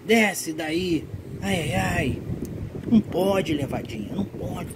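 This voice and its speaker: A woman's voice: on the low side, slow pace, background noise. A woman films her toddler on a phone, talking in coaxing, sing-song baby talk and playful scolding. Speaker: mother filming her toddler at play. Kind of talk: casual home video chatter to a child.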